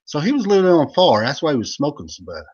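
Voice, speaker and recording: A man's voice: on the high side, wildly swooping pitch, very fast, a little mellow, husky, highs cut off. A man who used to wrestle professionally, telling rambling joking stories in a casual chat over a video call. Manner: rambling storyteller, laughs a lot. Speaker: former pro wrestler and manager, guest.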